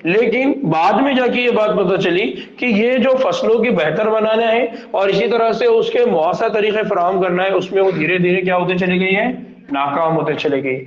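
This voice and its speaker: A high-pitched man teaches a biology class. He keeps asking rhetorical questions and answering them himself, slipping English terms into his lesson. The recording is dull and lo-fi, in a roomy, echoing space. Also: normal speed, few pauses. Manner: mixes English terms into explanations. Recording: echoey room, dull lo-fi sound.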